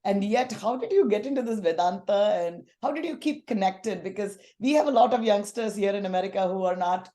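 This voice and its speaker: A woman hosts an interview, gracious and appreciative toward her guest. Her voice is mellow and darker in tone. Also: medium pitch, fairly quick, few pauses. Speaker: interview host.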